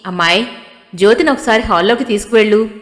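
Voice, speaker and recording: A woman voicing an anxious older mother who speaks softly and coaxingly, heard with a long hall reverb. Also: on the high side, quick pace, voice pushed up, natural voice. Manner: soft, coaxing.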